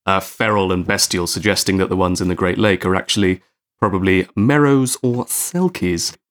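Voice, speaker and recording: A man's voice: deep voice, moderate pace. A young man jokily explaining lore as a podcast co-host. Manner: jokey, informative explainer. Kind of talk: casual group chat.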